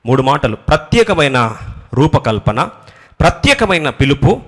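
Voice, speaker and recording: Middle-aged male pastor, fairly high voice, sermon delivery with big loud climaxes and soft lows. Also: big pitch swings, normal speed. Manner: preaching with sudden rises to loud, high emphasis, then dropping low and soft; mixes English phrases into his speech.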